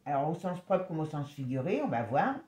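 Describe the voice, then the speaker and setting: A woman giving a casual tarot reading, chatty and exclamatory, sometimes dropping to a soft murmur. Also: low-pitched, very animated, echoey room. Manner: chatty, exclamatory, halting with restarts; drops to a soft murmur when concentrating. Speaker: tarot reader.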